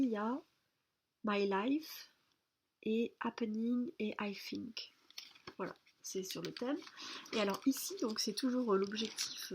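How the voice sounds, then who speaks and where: A woman speaking softly, almost whispering, in a late-night video diary. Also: mid-range voice, a little hiss or hum. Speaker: vlogger.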